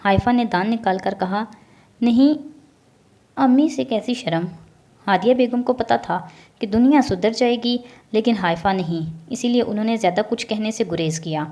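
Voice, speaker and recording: Calm woman reading a novel aloud. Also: mid-range voice. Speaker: storyteller.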